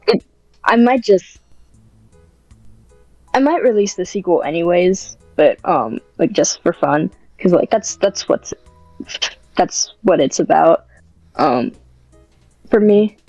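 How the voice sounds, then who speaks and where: A woman who writes scripts is a guest on a podcast, chatting casually and hesitantly as she thinks her answers through aloud. Her fairly low, dark voice has lively intonation, a slow pace and frequent pauses. The audio is dull and echo-free, with soft music in the background.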